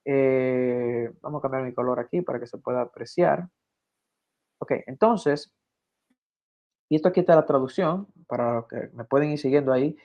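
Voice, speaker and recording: A man's voice: mid-range voice, moderate pace, muffled recording. A man explaining ancient Hebrew text in an interview, teaching step by step and often checking in with the listeners. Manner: patient, repeats himself, checks in with "¿ok?". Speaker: guest explaining biblical Hebrew. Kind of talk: teaching over a shared screen.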